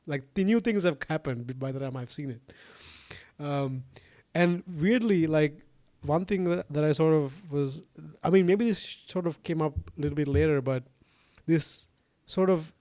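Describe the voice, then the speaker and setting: A young man from Sri Lanka hosts a podcast in a loose, conversational way. His voice sits slightly high and sounds dry and close to the mic. His long thoughts wander through repeated "like"s and restarts. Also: moderate pace, dark tone, no room sound. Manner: rambling, many fillers and restarts. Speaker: podcast host. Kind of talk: casual interview conversation.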